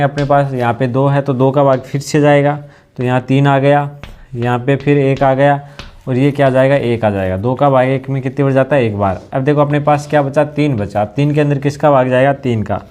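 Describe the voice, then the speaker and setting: A man with a mid-range, darkish voice teaches a maths lesson for a recruitment exam, going step by step, questioning students and repeatedly checking they follow. He's repetitive, asks whether the class understood, and slows down when dictating terms.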